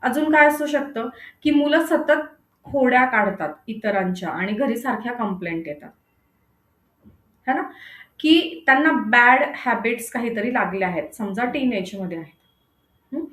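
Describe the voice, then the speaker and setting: Female parenting coach with a high voice who quizzes her audience and repeats key words, in an echoey room. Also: animated, a little slow, fairly bright tone. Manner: asks the audience rhetorical questions, repeats phrases for stress. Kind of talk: online parenting lecture.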